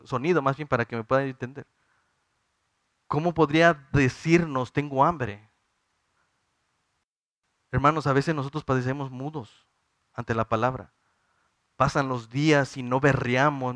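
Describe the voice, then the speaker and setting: A man's voice: mid-range voice, fairly bright tone, no echo, studio quality. A man in his thirties preaching a sermon, earnestly questioning the congregation and building in fervor.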